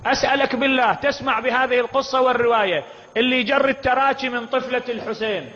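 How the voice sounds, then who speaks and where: A man's voice: extremely high pitch, steady tone, fast talker, bright, forceful tone. A man with an Iraqi accent preaching an impassioned mourning sermon, firing off rhetorical questions at the gathering. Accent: Iraqi Arabic. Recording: dull, reverberant hall recording.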